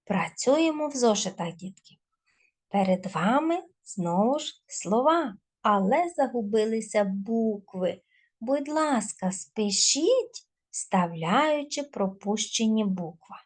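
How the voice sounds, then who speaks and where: A woman teacher giving a recorded video lesson to schoolchildren, dictating word lists slowly and clearly. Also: fairly high pitch, animated.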